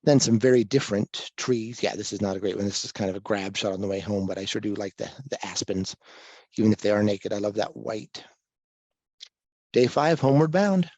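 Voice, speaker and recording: A low-pitched man presents his photos at a microphone that catches his plosives. His delivery is casual and modest, full of small restarts as he thinks aloud. The sound is dry, dull and close. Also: fairly quick, a little mellow, dry recording. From Kansas. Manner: easygoing and self-deprecating, thinking aloud with restarts. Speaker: guest presenter at a photography talk. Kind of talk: slide presentation to a live audience. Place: library meeting room. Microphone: handheld or stand microphone with popping plosives.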